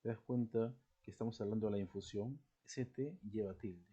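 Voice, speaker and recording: Husky-voiced man teaching a grammar lesson. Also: lowish voice, moderate pace, warm tone, lo-fi sound. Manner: explanatory, checks in with rhetorical questions. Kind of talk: recorded language lesson.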